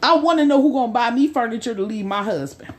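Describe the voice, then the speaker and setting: A woman co-hosting a podcast discussion, speaking emphatically with a preaching cadence and slow, stressed phrases. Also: fairly high pitch. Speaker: podcast co-host.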